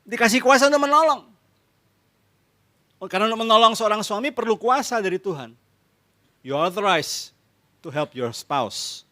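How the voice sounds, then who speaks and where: Lively Indonesian-accented pastor preaching. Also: male voice, high-pitched, moderate pace, pauses often. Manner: lively, asks the congregation questions and answers them himself; mixes in English phrases and acts out couples' arguments. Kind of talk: sermon. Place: church service.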